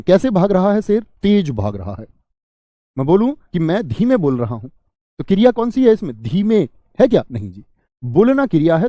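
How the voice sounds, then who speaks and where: Hindi grammar teacher, dark and dry. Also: male voice, fairly high pitch, no echo. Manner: asks the class questions, then answers them himself; explains slowly and repeats key terms. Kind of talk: online exam-prep class.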